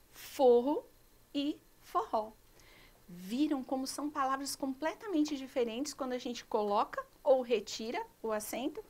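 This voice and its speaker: Woman, Brazilian Portuguese accent, teacher, high voice, televised lesson, careful word-by-word pronunciation. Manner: slow, clear, pronounces example words deliberately.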